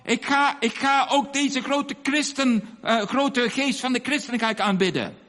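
An older preacher voicing a joyful, fervent old village woman as he tells a story, exclaiming excitedly. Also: very high voice, normal speed, pitched above the performer's own voice. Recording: hall reverb.

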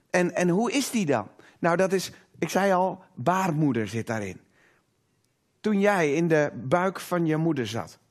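A man with a notably high voice preaching a sermon to a congregation. He talks emphatically, lingers on the words he wants to stress, and keeps drawing the room in with questions. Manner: engaging, asks the audience rhetorical questions.

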